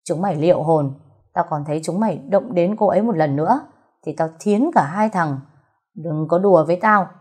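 A woman's voice: low-pitched, a little fast, a little mellow. A woman voicing a cold, curt, hot-tempered young man, the male lead of a romance story. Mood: furious. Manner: curt and cold, barking when angry.

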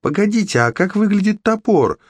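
Storybook queen, vain and dim, squeaky high panic; male reader putting her on. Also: very animated, a little fast, dry recording. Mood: flustered. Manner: shrill, flustered squeals. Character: ditzy, vain young queen.

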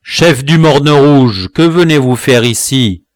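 A man reading an audiobook, voicing a vengeful dwarf villain who mixes Spanish words into his shrill cursing threats. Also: slow pace, dry recording, clean studio sound, close to an everyday voice. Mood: startled. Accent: Spanish words mixed in. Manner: shrill, spitting curses and threats.

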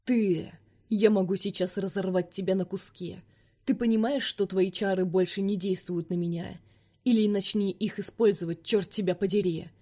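A woman voicing a fierce, scornful vampire man in an audiobook, speaking forcefully and commandingly. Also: medium pitch, fairly even intonation, normal speed, close to an everyday voice. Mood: harsh.

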